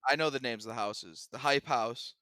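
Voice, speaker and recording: A man's voice: medium pitch, normal speed, pushed and bright, clear, resonant tone, dry recording, studio quality. A young man co-hosting a podcast, chatting casually and animatedly, slipping into mocking rants. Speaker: podcast co-host. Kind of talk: casual chat.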